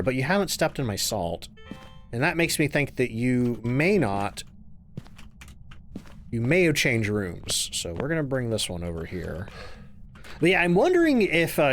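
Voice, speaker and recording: A man's voice: medium pitch, fairly bright tone. A man streaming a horror game, chatting casually with viewers and musing to himself as he plays.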